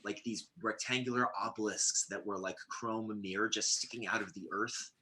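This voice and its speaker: Deep, bright-toned man chatting casually. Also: steady tone, slight background noise. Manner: rambling, halting, many restarts. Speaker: co-host. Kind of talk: casual chat on a live show. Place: Los Angeles area.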